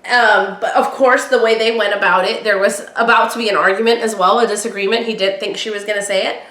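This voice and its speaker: A woman's voice: mid-range voice, steady tone, quick pace, a bit bright. A young woman hosting a podcast, chatting and gushing about a TV show, laughing often. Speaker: podcast host. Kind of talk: casual recap chat. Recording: echoey room.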